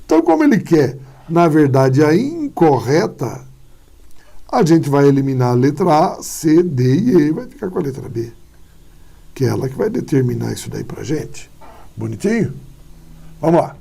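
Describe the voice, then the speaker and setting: A man teaching a recorded exam-prep lesson, his voice gravelly and a little husky. He keeps checking in with short tag questions as he walks through each answer, explaining patiently. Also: fairly high pitch, very animated, moderate pace, dark tone.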